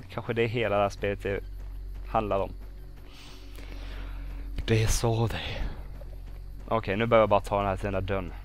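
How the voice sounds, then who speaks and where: A young man casually commenting while playing a game, talking to himself, pleading and exclaiming as he goes. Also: lowish voice. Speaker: gaming video host. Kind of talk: casual let's-play commentary.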